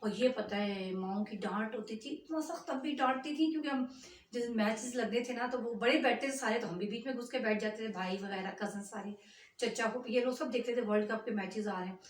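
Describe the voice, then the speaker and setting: An older woman from Punjab, telling a long rambling story in a chatty, animated vlog. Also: a little high, fairly quick, distant mic, a little hiss or hum. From Punjab, Pakistan. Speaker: vlogger. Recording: echoey room, voice from afar, faint ambience.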